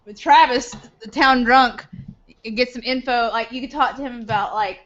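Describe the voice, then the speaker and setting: A woman's voice: on the high side, normal speed, fairly bright tone, highs cut off. A woman chatting casually and improvising as a player in a live tabletop game. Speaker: player in a live tabletop role-playing show.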